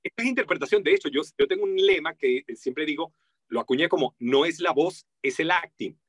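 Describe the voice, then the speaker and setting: A Venezuelan-accented voice-over artist talks animatedly in a casual interview, his voice gravelly and slightly rough at a fairly quick pace, recorded dry. When quoting people, he acts out their voices with big jumps in pitch.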